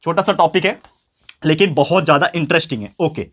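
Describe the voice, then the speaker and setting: Guy tutor doing an online science lesson, kinda high voice, a bit loud so it's clear. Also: a little fast. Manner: addresses viewers as friends, repeats key points; speaks a bit louder than normal for clarity.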